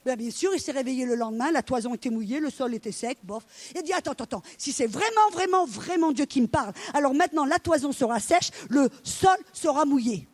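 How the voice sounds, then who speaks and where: A woman's voice: sits high, quick pace, few pauses. A middle-aged woman preaching a sermon, telling stories and acting out the dialogue. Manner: animated storytelling, acting out dialogue.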